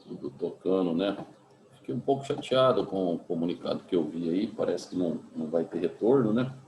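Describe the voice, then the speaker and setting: A man with a Brazilian Portuguese accent, a physics teacher giving a remote class in a relaxed, chatty way, full of tag questions. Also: deep voice, fairly quick, echoey room, slight background noise, rough recording. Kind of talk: remote class, casual chat.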